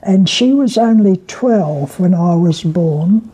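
An elderly woman with a New Zealand accent and a husky voice, reminiscing haltingly as she is interviewed at home. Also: lowish voice, lively intonation, dark tone, poor audio. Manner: halting, reminiscing, with repeated words and pauses. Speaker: oral history interviewee. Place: at home, indoors.

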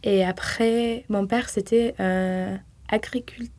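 A woman's voice: mid-range voice, fairly even intonation, takes it slowly, darkish tone. A woman with a Toulouse accent, chatting as an interview guest, laughing often and sometimes searching for words. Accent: Toulouse French. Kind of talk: casual conversational interview.

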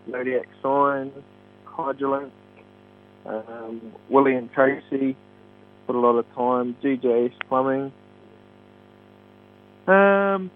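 A man with a Kiwi accent giving a casual interview as a racing driver, hesitant and modest, over a phone. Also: mid-range voice. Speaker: stock car driver being interviewed. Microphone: phone call. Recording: tinny phone line with hum.

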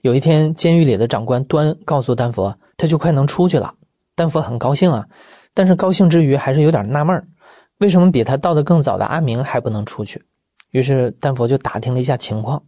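A man reading scripted documentary narration in a smooth, even way. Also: medium pitch, fast, no echo.

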